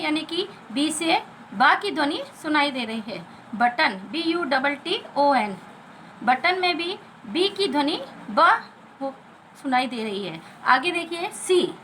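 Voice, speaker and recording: Slow high-voiced Indian woman teacher. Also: sharp tone, slight background noise, rough recording. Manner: slow, spelling out letters and repeating sounds. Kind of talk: phonics lesson for children.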